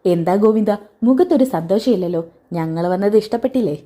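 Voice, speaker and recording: A kindly old grandfather who speaks gently and reassures everyone, as a woman reads him. The voice is warm and mellow at a middle pitch. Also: lively intonation, fairly quick, lightly acted.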